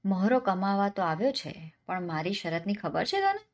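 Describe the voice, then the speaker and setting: A woman voicing a haughty, quick-tempered male landlord in a folk tale, blustering and indignant, her voice raised. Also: mid-range voice, big pitch swings. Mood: scornful.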